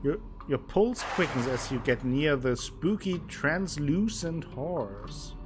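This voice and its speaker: Joking between lines, a man streaming a game reads its narration aloud, his pitch swinging playfully and exaggeratedly while music plays beneath. His delivery is expressive and slow.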